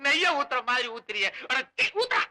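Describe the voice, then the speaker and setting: A man playing a rowdy, jokey drinking buddy in a film comedy, with loud drunken banter. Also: very high-pitched, huge pitch swings, a little fast, very noisy, heavily acted.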